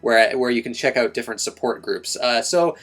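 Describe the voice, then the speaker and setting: A man's voice: medium pitch, normal speed, fairly bright tone, faint music behind. A young man giving a casual video game review, rambling, with many restarts and fillers.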